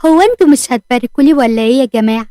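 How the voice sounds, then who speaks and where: A woman's voice: high-pitched, expressive, very fast, dark tone, no echo, studio quality. A woman voicing a harsh husband who refuses a divorce, speaking with an Egyptian accent in a cold, threatening way. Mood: smug. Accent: Egyptian Arabic.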